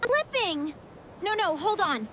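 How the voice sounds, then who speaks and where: A woman voicing an excitable little winged cartoon critter, squealing exclamations and reading sound effects aloud. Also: slow, heavily acted. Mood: excited. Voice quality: squeaky, shrill. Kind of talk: cartoon dialogue. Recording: loud background noise.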